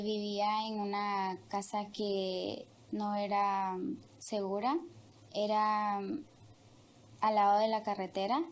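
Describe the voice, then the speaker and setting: A young woman from Honduras, a guest telling her life story in an interview, speaking hesitantly with many fillers. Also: mid-range voice. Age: young adult. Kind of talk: testimony interview.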